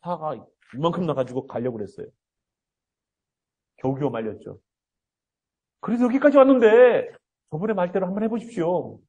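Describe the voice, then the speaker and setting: A man's voice: sits high, lively intonation, moderate pace, long pauses, darkish tone. A male pastor preaching an earnest sermon, often acting out the voices he quotes.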